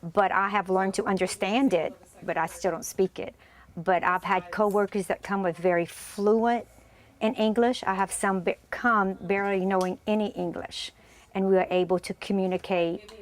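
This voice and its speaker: A woman's voice: mid-range voice, steady tone, normal speed. A middle-aged woman, a teacher talking plainly and explaining things in an interview. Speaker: fourth grade teacher. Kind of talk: interview talk.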